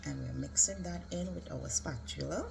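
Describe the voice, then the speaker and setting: A woman with a low voice and vocal fry talks at normal speed while demonstrating a recipe as a home cook, casually and step by step in an instructional manner. Heavy background noise runs through the recording.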